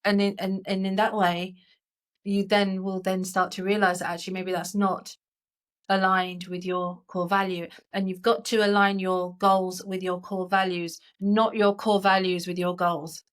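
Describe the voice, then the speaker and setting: A woman's voice: medium pitch, flat delivery, a little slow. Earnest woman coach explaining. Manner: earnest and explanatory, with frequent restarts. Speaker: podcast co-host and coach. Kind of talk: casual podcast conversation.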